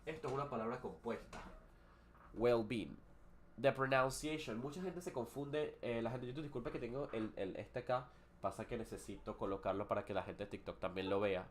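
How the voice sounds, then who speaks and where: Against slight background noise, a brisk man with a mid-range voice livestreams an English lesson. His explanations of words and pronunciation are loose and hesitant, full of fillers and restarts, and he switches between Spanish and English.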